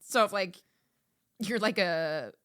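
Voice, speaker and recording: A woman's voice: medium pitch, fairly bright tone. A woman co-hosting a casual podcast, agreeable and chatty, often chiming in. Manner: agreeable, chatty, quick to chime in. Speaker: podcast co-host, haunted attraction manager.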